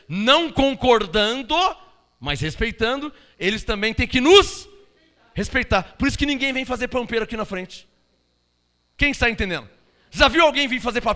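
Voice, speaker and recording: A man's voice: very high-pitched, bright, forceful tone. A man preaching a sermon, emphatic and full of rhetorical questions to his congregation. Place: church hall. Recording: long church-hall reverb.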